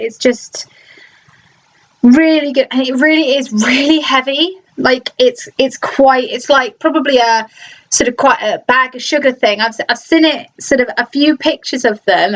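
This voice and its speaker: A young woman who cosplays and vlogs chats casually at home in a fairly high, fairly bright voice. She is hesitant, full of ums and restarts, and the recording has a slightly dull lo-fi sound.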